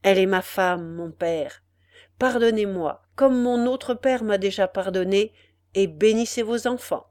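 A woman's voice: medium pitch, measured pace, darkish tone, natural voice. A woman voicing an earnest young nobleman in love, speaking eagerly in a storybook reading.

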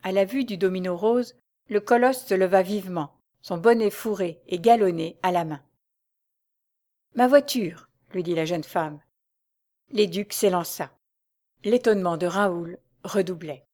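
A woman reading a novel aloud as an audiobook narrator, in an even storytelling way. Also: on the low side, moderate pace. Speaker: audiobook reader. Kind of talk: scripted narration.

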